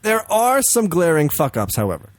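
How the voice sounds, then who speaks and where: A man co-hosting a podcast in casual chat, swearing freely, laughing often and jumping into high silly voices to mimic games. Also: huge pitch swings, normal speed, noisy background. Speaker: podcast co-host.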